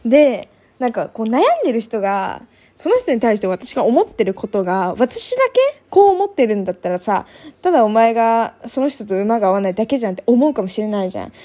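A young woman tells a personal story in a loose, chatty vlog style, packing her talk with fillers and acting out what others said. Her pitch sits a little high and swings widely. Her tone stays mellow and soft-edged. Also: very animated, fast talker. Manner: chatty, many fillers, acts out quoted remarks. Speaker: vlogger. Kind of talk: casual storytelling monologue.

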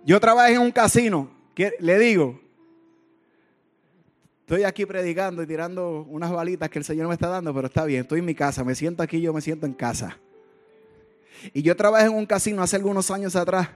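A male pastor delivering a sermon, moving between hushed storytelling and loud, fervent outbursts. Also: high-pitched, fairly quick, soft background music.

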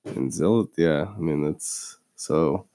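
A man with a cold, hoarse and husky, co-hosting a local sports radio show in a brief, matter-of-fact way. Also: rumbling low, slow pace, dark tone, no room sound, clean studio sound. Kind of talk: casual sports talk.

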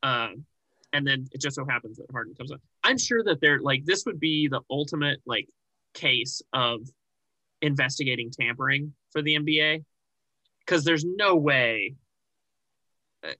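A young man co-hosting a casual sports podcast, rambling and animated with many restarts and fillers. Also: mid-range voice, normal speed, long pauses, no room sound, low-quality recording. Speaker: podcast co-host.

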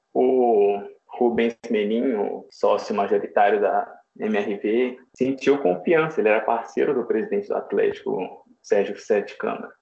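A man talks as a guest, explaining casually. His voice is creaky, with plenty of fry, and the recording is roomy and dull. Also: mid-range voice, a little mellow. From São João del Rei, Minas Gerais, Brazil. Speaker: podcast guest, fan page editor.

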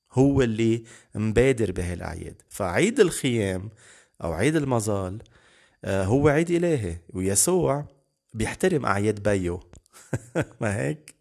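A man's voice: lowish voice, gravelly, darkish tone. A man teaching the Bible on a podcast, earnest and repeating key words for emphasis. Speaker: preacher.

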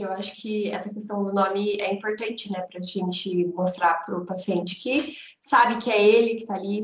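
A woman's voice: medium pitch, reverberant, low-quality recording. A woman psychologist in casual chat, speaking in a reflective, frank way with many fillers.

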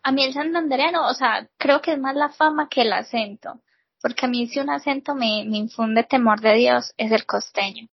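A woman's voice: fairly high pitch, moderate pace, creaky, slightly rough, no room sound, highs cut off. A woman co-hosting a podcast, chatty and laughing easily in casual talk. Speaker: podcast co-host. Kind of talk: casual chat.

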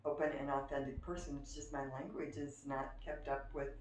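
A woman's voice: a bass voice, flat delivery, fairly quick, roomy sound, recorded from a distance, slight background noise, rough recording. A woman in her late sixties, a podcast guest, chatting in a self-deprecating way and laughing at herself. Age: 60s. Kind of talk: casual podcast conversation.

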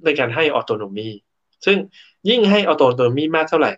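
A man's voice: medium pitch, very animated, moderate pace, a bit bright, highs cut off. Thai man explaining at an easy pace. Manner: explanatory, tells workplace anecdotes with repeated restarts. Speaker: co-host and speaker. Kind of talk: casual talk on workplace motivation.

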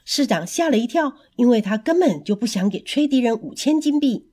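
A woman narrating a children's story in an expressive, animated way. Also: fairly high pitch, a little fast.

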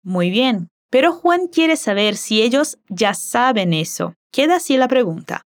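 Her mother tongue is Portuguese, yet this woman teaches Spanish, her fairly high voice animated and rising and falling widely. Slowly and carefully she pronounces each word, then invites the listener to say it back.

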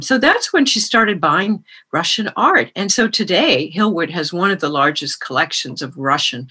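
A woman's voice: low voice, sharp tone, slightly rough. A woman from France telling her story as a guest in an interview over a remote call, often laughing lightly.

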